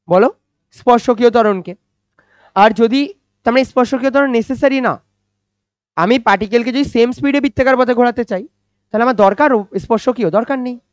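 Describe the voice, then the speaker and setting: A man teaching physics, explaining slowly and repeating points, asking questions and answering them himself. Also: high-pitched, no room sound. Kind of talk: classroom-style physics lecture. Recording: dry, slightly dull recording.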